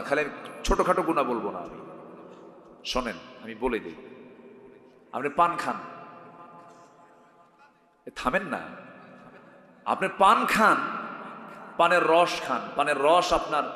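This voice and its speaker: A male preacher giving a humorous, rhetorical sermon to a gathering and calling on the crowd to answer louder. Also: medium pitch. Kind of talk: Islamic sermon to a live gathering. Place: religious gathering over a sound system. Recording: echoey hall with long reverb.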